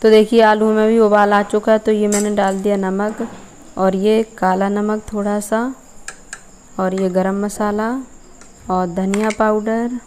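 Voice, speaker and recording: Young woman from Uttar Pradesh, steady low-key cooking narration, flat delivery, mellow tone, faint outdoor background noise. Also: measured pace. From Uttar Pradesh, India. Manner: plain step-by-step explaining. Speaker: village cooking vlogger. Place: rural courtyard, outdoors.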